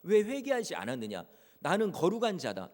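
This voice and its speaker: A man's voice: high voice, huge pitch swings, fairly quick, darkish tone. A man voicing a stern male God who rebukes sinners with pointed questions, in a reverberant church hall. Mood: stern rebuking.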